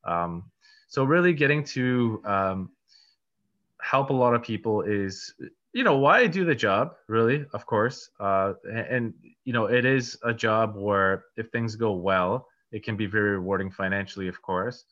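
A Polish-born real estate agent and podcast host in his thirties answers interview questions in a rambling, casual way, with many fillers and restarts. His voice is fairly low, unhurried, and fairly bright, captured in dull lo-fi audio.

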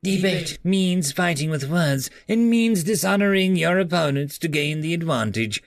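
A man performs a proud alien prisoner of war, his voice lifted high and pressed forward with contempt. He talks down to his captors with haughty disdain, every sentence carrying imperial pride. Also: expressive, moderate pace, no room sound, studio quality. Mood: scornful.

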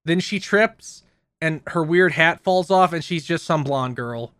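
A man's voice: fairly high pitch, a little slow, fairly bright tone, clear, resonant tone, no room sound. A man co-hosting a podcast, casually recapping episodes in a rambling, profane way. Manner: rambling plot recap with frequent profanity and laughs.

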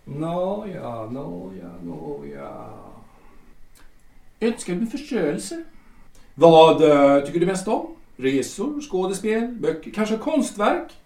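In an echoey, roomy recording, a man acts in an amateur audio drama as a wry, probing guide to the dead. He reads out verdicts with measured pauses, his high-pitched voice swooping vividly through its range.

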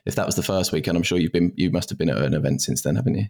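Low-voiced male podcast host. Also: rapid-fire, creaky, a little mellow. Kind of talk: scripted podcast intro and casual interview.

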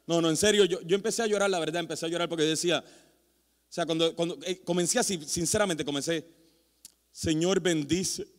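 A man preaching as a pastor, telling animated, self-mocking stories with many restarts. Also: fairly high pitch, fast. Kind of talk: storytelling sermon. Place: church sanctuary. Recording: long hall reverb in a church.

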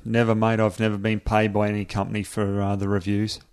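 A man's voice: fairly low pitch, completely flat delivery, brisk, a little mellow, clear, resonant tone. An Australian man being interviewed as a guest, chatting casually in a laid-back, blokey way with hesitant phrasing. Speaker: podcast guest, product reviewer.

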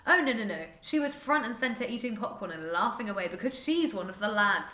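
A woman co-hosting a casual film chat, talking loosely with lots of fillers and quick laughs. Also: medium pitch, expressive, bright, forceful tone, echoey room. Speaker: podcast co-host.

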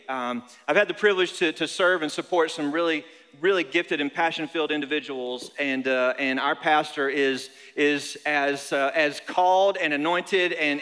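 A man in his forties preaches conversationally in a large, reverberant church hall. His voice sits high and has a forceful edge, and he often doubles back on words for emphasis. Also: clear, resonant tone. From North Carolina, United States. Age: 40s. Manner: halting, repeats words for emphasis. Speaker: pastor. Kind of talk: conversational sermon with personal anecdotes.

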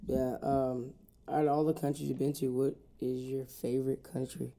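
Very mellow, gravelly male interviewer. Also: mid-range voice, little pitch movement, moderate pace. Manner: informal, teasing. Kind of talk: casual chat interview.

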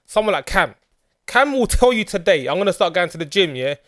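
A man's voice: sits high, sing-song, brisk, no room sound, studio quality. A young man with a London roadman accent in casual podcast chat, blunt and slangy with plenty of swearing. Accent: London roadman, multicultural urban slang. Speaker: podcast co-host.

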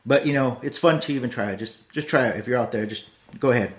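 A man's voice: medium pitch, fast. A middle-aged man hosting a podcast, talking in a blunt, rambling and earnest casual monologue. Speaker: podcast host.

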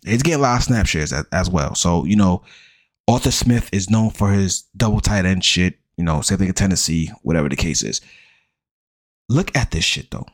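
Deep-voiced blunt fantasy football host. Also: male voice, animated, moderate pace. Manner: blunt, profane, rattles off stats, mocking hype. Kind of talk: casual profane sports chat.

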